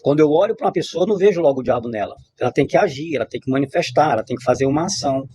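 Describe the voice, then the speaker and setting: A man's voice: a little high, expressive, rapid-fire, a little mellow, slightly rough. A man giving an unscripted spiritual teaching, talking in an emphatic, repetitive way with frequent restarts. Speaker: religious teacher. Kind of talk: spontaneous spiritual teaching monologue.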